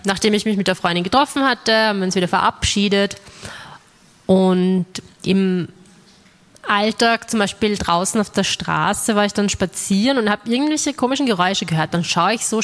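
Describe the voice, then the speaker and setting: A woman's voice: mid-range voice, moderate pace. A woman from Austria telling a stand-up story, acting out the dialogue and talking to the audience. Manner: lively, acts out dialogue with an audience. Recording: reverberant hall.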